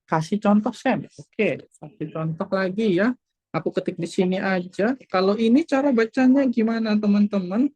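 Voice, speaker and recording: A woman teaching a class over a video call, explaining slowly, repeating points and checking that everyone understands. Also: mid-range voice, a little mellow, husky, no room sound. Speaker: Korean language teacher. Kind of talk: online class lesson.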